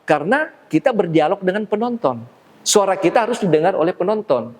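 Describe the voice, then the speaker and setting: A man teaching theater appreciation in a lecture room, lively and quick to laugh. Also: high-pitched. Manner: lively, acts out stage lines, laughs often. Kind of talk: classroom lecture. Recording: long hall reverb.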